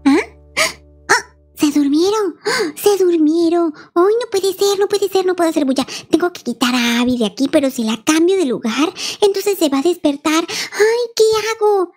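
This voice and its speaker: A young woman narrating a mobile game playfully, talking in animated sing-song to babies. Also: very high voice, moderate pace. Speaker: game video creator. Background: faint children's music.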